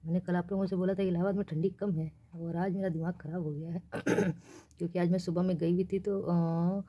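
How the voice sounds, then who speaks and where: A young woman from India chatting casually in a late-night vlog, speaking softly so she won't wake her neighbours. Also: fairly low pitch, fairly even intonation, brisk. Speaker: vlogger. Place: small rented room in a girls' hostel, at night.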